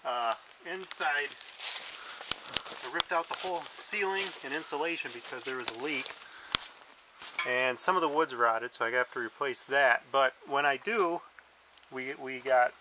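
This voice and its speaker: A man's voice: mid-range voice, moderate pace, noisy background. A man explaining, in a practical, matter-of-fact way, how he will fix up an old camper, speaking by and inside it. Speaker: friend describing his repair plans. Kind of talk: casual explanation.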